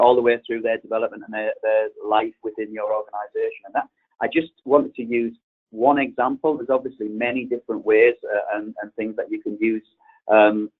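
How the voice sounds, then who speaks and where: A man with a Northern English accent gives a business webinar talk, conversational and prone to repeating himself as he works through each point. His voice is lowish and husky. The sound is thin and tinny, like a phone call. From north of England. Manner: conversational, repeats words while explaining. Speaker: webinar presenter.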